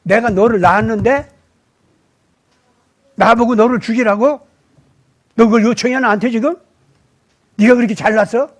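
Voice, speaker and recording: A man voicing God as a stern male deity who scolds a complaining man with loud rebuking questions, his voice husky. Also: very high voice, normal speed, long pauses.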